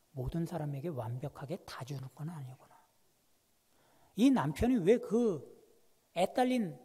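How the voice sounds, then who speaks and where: Man, guest preacher, high lively husky voice, long hall reverb, sermon storytelling. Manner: animated storytelling, swinging from hushed to loud. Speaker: guest pastor. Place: church sanctuary.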